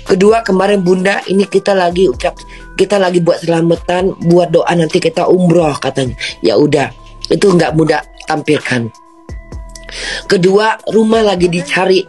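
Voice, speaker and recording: A woman hosting a livestream who talks loudly and indignantly, rambling with many restarts. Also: lowish voice. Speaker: livestream host. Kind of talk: livestream rant.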